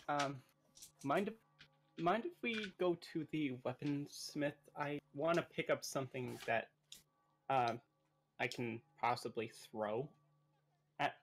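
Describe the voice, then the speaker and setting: A man's voice: a little high, slow, pauses often, fairly bright tone, soft background music. A man chatting casually as a player in a tabletop game, tentative and polite. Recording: faint background noise, clicks.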